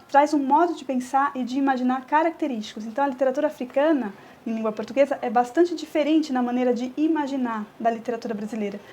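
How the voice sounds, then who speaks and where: A Brazilian woman teacher records a review lesson for her students. Her voice sits a little high, and she explains step by step, often stopping to check that they follow. She slows down to draw out syllables when she counts verse. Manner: stretches words when scanning verse.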